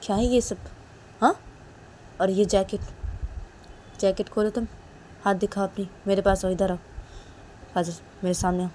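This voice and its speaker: A woman voicing a strict, angry mother who loudly orders her daughter to come to her. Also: medium pitch, little pitch movement, normal speed, long pauses, slight background noise, close to an everyday voice. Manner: loud demanding commands.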